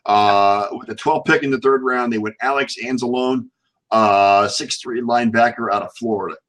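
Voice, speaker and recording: A man hosting casual sports talk in a halting way, often repeating words as he goes. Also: mid-range voice, steady tone, a bit bright. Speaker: sports show host.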